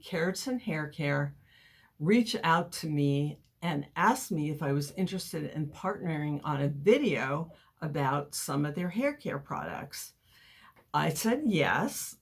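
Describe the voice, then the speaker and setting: Female beauty reviewer, deep register, unhurried delivery, slightly lisped, cottony articulation. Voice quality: slight lisp, as if cotton in the mouth. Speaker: YouTube beauty and hair product reviewer. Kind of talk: sponsored product review to camera.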